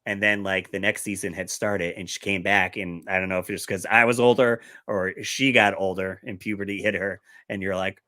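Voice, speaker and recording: A man co-hosts a casual podcast chat with a bright, forceful voice. He rambles, laughs often and sometimes loses his train of thought. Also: low voice, fairly even intonation, moderate pace, few pauses. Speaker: podcast co-host.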